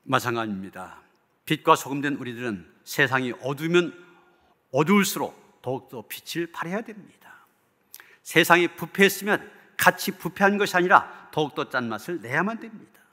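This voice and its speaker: This pastor's voice sits a little high and sounds sharp and expressive, moving at a normal pace. He delivers his sermon earnestly and emphatically, with rhetorical flair, ending in prayer as the long reverb of the church hall trails behind him.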